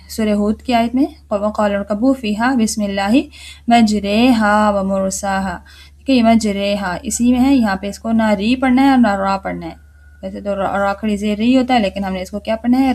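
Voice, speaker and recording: A woman teaching a recitation lesson, asking herself questions and answering them, and repeating key words slowly for the listener. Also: mid-range voice, darkish tone. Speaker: tajweed teacher. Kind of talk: explanatory lesson with repetition.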